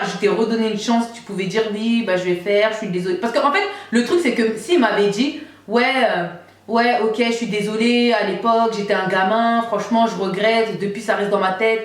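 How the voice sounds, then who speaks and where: A woman in her thirties telling a personal story in a casual storytime monologue, chatty and full of fillers, acting out what others said. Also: on the high side. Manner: chatty retelling, acts out quoted dialogue, many fillers. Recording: very echoey room, voice far from the mic.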